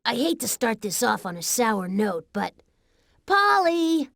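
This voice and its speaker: A woman's voice: on the high side, very animated, measured pace, gravelly, fairly bright tone, slight background noise, exaggerated voice. A woman voicing an eager, cheerful little robot who guides the player through an educational game. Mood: upbeat. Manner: upbeat, instructive. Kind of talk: 1990s educational game voice acting.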